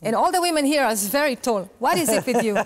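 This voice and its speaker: A woman in her forties, a guest in an interview, talking earnestly in halting English and laughing often. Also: high voice, expressive. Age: 40s. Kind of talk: casual interview chat.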